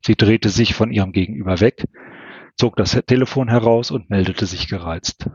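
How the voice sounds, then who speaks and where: Hörbuch-Erzähler, Mann, heiser, trocken aufgenommen. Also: male voice, on the low side, moderate pace, a little mellow, breathy edge, dry recording, highs cut off. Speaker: author reading his own novel. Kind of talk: audiobook narration.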